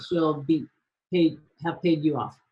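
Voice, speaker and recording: A woman hosting a live Q&A who asks quick follow-up questions and encourages callers. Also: low voice, a little mellow, dull audio. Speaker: host. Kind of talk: live Q&A coaching.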